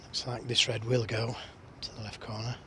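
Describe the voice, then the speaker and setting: A man's voice: medium pitch, flat delivery, normal speed, fairly bright tone, a little hiss or hum. A man giving analytical snooker commentary during a match.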